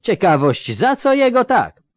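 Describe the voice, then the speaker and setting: A man voicing a gruff but kindly old soldier with rustic, old-fashioned speech, reading in a dry studio. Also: high-pitched, wildly swooping pitch, unhurried, no echo, pitched above the performer's own voice, heavily acted. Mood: mocking.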